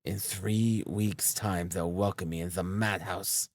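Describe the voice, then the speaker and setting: A man's voice: sits low, fairly even intonation, takes it slowly, no room sound, studio quality, heavily acted. A man reading the lines of a feverish, irritable young man who speaks curtly and insistently. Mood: sullen. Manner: insistent, curt.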